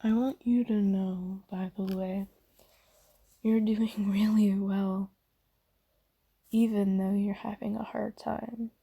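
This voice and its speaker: Kindly female demon played by a woman for ASMR comfort roleplay: very dark, soft tone, slow, hesitant, reassuring. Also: mid-range voice, steady tone, full character voice. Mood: soothing, reassuring. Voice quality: soft, breathy, half-whispered. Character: kindly apologetic female sleep paralysis demon, gentle comforter.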